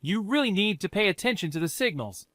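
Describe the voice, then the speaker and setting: A gentle, protective older brother in a story, voiced by a man. His bright voice moves a lot in pitch and sits a little high for a man. The sound is dry and close. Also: big pitch swings, fast, no room sound. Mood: alarmed, stern. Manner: warm, protective, apologetic. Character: gentle, caring young-adult older brother.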